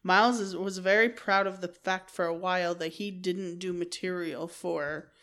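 A woman comedian talking in a casual podcast chat, in a measured, conversational way. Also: lowish voice, steady tone, a bit bright.

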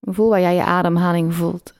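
A woman leading a guided meditation, speaking slowly and soothingly with long pauses between phrases. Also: fairly low pitch, fairly even intonation, darkish tone, dry recording, clean studio sound.

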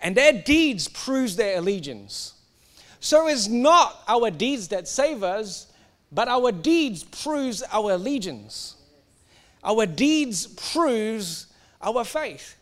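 A young man from Singapore delivers a sermon in a high, light voice. He talks with emphatic energy, often stumbling and repeating words before pushing on. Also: slow pace. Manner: animated, emphatic, with stumbles and restarts. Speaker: preacher.

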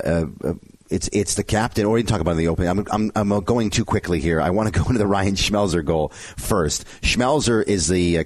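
Male sports host, low voice, conversational highlights recap, loose and rambling, dry close sound. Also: no room sound.

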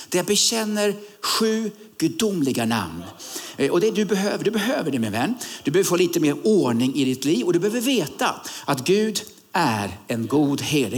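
A middle-aged man from Sweden giving a sermon as guest preacher, telling a personal story with many fillers and sudden emphatic rises. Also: on the high side.

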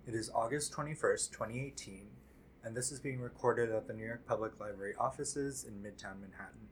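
A man conducting an oral history interview, introducing it and asking gentle questions. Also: on the low side, a little fast, a little hiss or hum, poor audio. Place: library office.

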